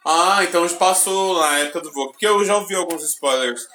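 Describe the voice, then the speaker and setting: A man with a deep voice, co-hosting a podcast and telling stories with excitement and sudden shouted bursts. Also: brisk, slight background noise. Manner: excited storytelling, bursts of shouting when retelling. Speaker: podcast co-host. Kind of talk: casual chat. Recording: roomy echoey room.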